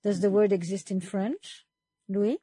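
A woman's voice: mid-range voice, measured pace, warm tone, husky, no room sound. A woman hosting a panel conversation, reflective and thinking aloud as she moderates. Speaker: host.

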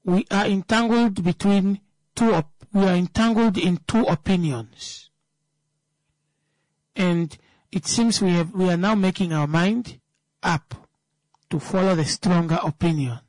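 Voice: mid-range voice, measured pace, long pauses, a little mellow, no echo, rough recording. A speaker with a Namibian accent giving an impromptu political talk, emphatic, repeating phrases and answering their own rhetorical questions.

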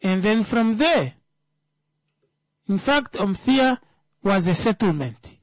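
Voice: medium pitch, lively intonation, takes it slowly, dry recording, clean studio sound. A speaker with a Namibian accent giving an impromptu political talk, emphatic, repeating phrases and answering their own rhetorical questions.

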